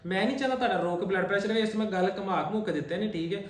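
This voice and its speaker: A young man with a Punjabi accent, teasing his mother in a family prank vlog. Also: racing. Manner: teasing, swings between loud and low. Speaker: vlogger son. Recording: echoey room.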